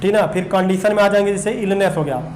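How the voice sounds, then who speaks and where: A man's voice: high voice, fast talker. A male teacher gives a whiteboard grammar lesson, spelling words letter by letter and checking in with the class over and over. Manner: spells words letter by letter, repeats "देखिए" and "ठीक ना". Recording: echoey room with faint background noise.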